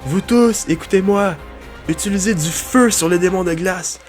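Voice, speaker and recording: A man's voice: sits high, moderate pace, soft background music, voice pushed up, natural voice. A man voicing a small, earnest male reindeer doctor who rallies everyone. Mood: urgent.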